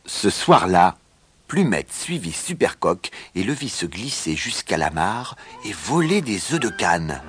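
A man reading a children's story aloud in an expressive way. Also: sits low, slightly rough, no room sound. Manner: slow, expressive read-aloud.

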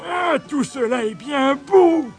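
A man voicing a jolly old Father Christmas in a storybook reading, speaking in high, drawn-out, gleeful exclamations. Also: animated, faint music behind, full character voice. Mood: wistful.

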